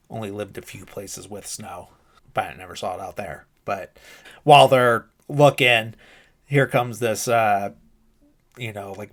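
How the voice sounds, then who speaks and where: A man hosting a podcast, casually recapping a film in a rambling way, full of filler words. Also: medium pitch. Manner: rambling, heavy use of fillers. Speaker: podcast host.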